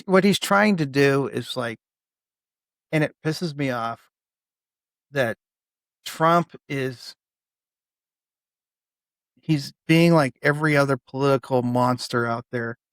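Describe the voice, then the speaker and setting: A man co-hosting a podcast in a casual political debate, talking excitably, swearing and stumbling over restarts. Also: medium pitch, slow pace, pauses often, no echo. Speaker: podcast co-host.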